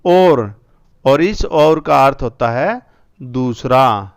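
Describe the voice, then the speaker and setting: Slow, clear-voiced man teaching a lesson. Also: mid-range voice, animated. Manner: slow, spells out words, repeats each word twice or three times. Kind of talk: school Hindi lesson.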